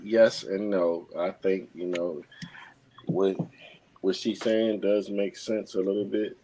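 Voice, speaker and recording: A man talking as a guest in a casual podcast discussion, halting and often repeating words. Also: low-pitched, steady tone, warm tone, a little hiss or hum, poor audio.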